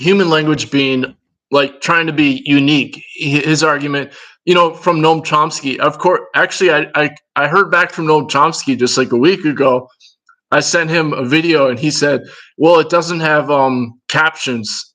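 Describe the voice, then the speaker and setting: A man's voice: on the high side, sharp tone, low-quality recording. Rambling Minnesotan man on a livestream. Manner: rambling and digressive, talking to viewers in chat. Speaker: livestream host. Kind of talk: casual livestream chat answering viewers.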